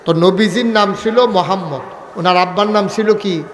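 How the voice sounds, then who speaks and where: Guy preaching a sermon, asks the crowd stuff, gets loud and sing-song, pa sound w crowd. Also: high-pitched, normal speed. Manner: calls questions to the crowd for replies; lively, rises to shouts, chants some lines. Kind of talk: Bengali waz sermon. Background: crowd at an open gathering.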